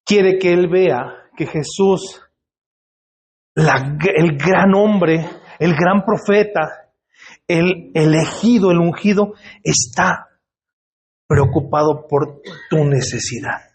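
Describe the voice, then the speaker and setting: A man's voice: fairly high pitch, takes it slowly. A male pastor, preaching in a church and putting questions to the congregation in a conversational way. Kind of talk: sermon. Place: church hall.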